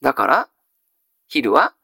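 A male teacher giving a grammar lesson. He asks a question, then answers it himself in a measured way. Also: medium pitch, very animated, creaky, bright, forceful tone, slightly rough, dry recording, studio quality. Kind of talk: classical Japanese grammar lesson.

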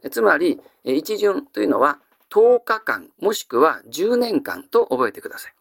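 A man teaching vocabulary in an exam-prep lecture, with a lively, animated pitch. His delivery is patient and explanatory, with frequent drawn-out fillers. The recording is dry and close. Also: vocal fry, no room sound. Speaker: classical Japanese teacher.

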